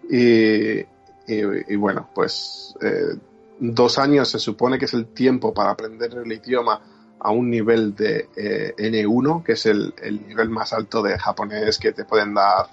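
Gravelly man, lo-fi audio. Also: fairly low pitch, steady tone, unhurried. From Spain. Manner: explains at length with restarts. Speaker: podcast guest living in Japan. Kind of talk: casual conversation. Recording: dull lo-fi sound, faint music.

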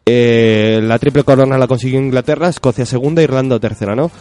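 A man's voice: medium pitch, brisk, warm tone. A man, a guest on a radio show, rattling off dates and scores and joking loosely as he goes. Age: 20s. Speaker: guest, rugby fan. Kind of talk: casual radio interview.

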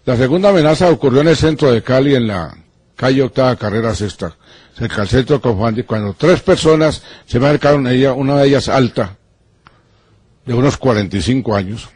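A man, a lawyer answering interview questions in an earnest, deliberate and accusatory way. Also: medium pitch, expressive, darkish tone, breathy edge, no echo. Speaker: lawyer giving an interview about threats.

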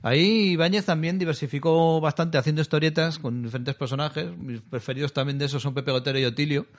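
A man's voice: on the high side, fairly even intonation, fast talker. A man in casual chat, chatty and nostalgic, laughing often as he talks. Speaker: comics podcast co-host.

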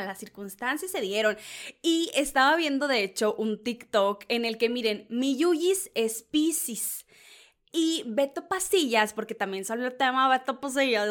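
A young Mexican woman dishes celebrity gossip in a dramatic, gushing way. Her voice sits a little high, and she keeps calling her listeners sister in a loose, chatty flow. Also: a bit bright. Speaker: gossip show host. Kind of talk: casual celebrity gossip chat.

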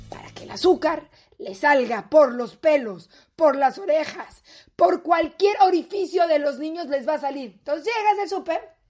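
A woman with a Mexican accent delivers a crude, mocking comic monologue. Her voice sits high, and she slips between a mother and a grandmother as she tells it. Faint music plays underneath. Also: darkish tone. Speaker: comedian. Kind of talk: comic monologue with acted dialogue.

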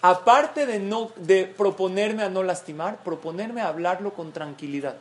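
A woman's voice: mid-range voice, normal speed, a little mellow. A middle-aged woman giving a parenting talk to a group of mothers, explaining points and acting out example quotes. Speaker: parenting class speaker.

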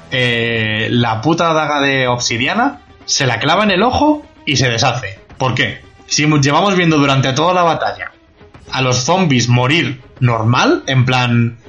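A man's voice: fairly high pitch, fairly bright tone. Furious profane man ranting. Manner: angry, profane, incredulous ranting. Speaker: podcast host. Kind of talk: ranting TV review. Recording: slightly dull lo-fi podcast audio, faint music.

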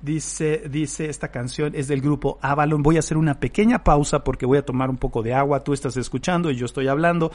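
A man's voice: fairly high pitch, steady tone, brisk, few pauses, a little mellow. A man with a Mexican Spanish accent, a pastor teaching a live-streamed Bible lesson, who reads verses aloud and breaks into fervent praise between them.

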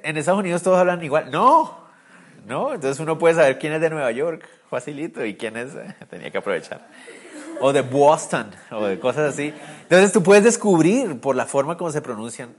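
A man preaching a sermon in a lively way, often asking the listeners questions and swinging from loud bursts to quiet, low lines. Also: moderate pace. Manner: animated, swings from loud to soft; asks the listeners rhetorical questions.

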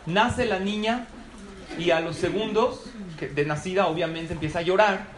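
A man's voice: high voice, normal speed. A man giving a humorous lecture to a live audience, often asking them questions. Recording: echoey hall from far off, noisy.

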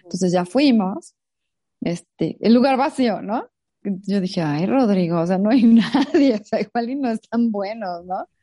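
A middle-aged woman, chatting casually as a co-host and telling an animated story, acting out the voices in it. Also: medium pitch, measured pace, dry recording, clean studio sound. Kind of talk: casual chat.

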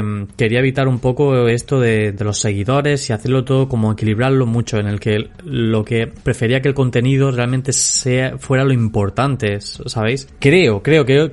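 A young man from Spain with a Castilian Spanish accent hosts a solo podcast, chatting informally and rambling as he addresses listeners directly in slang. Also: medium pitch. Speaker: podcast host and social media creator. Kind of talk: casual solo podcast chat.

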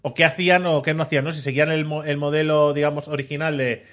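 A man co-hosting a podcast, chatting casually and telling stories with lively swings into loud mimicked shouts. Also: a little high, fast. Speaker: podcast co-host. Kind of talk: casual chat.

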